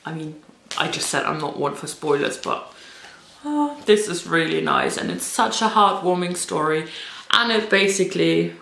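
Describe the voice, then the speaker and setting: Chatty woman with a creaky, echoey sound. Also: low-pitched, lively intonation, moderate pace, a bit bright, slight background noise. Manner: chatty, informal, self-deprecating asides. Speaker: children's book reviewer. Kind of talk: casual vlog-style book recommendations. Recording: roomy, echoey indoor sound.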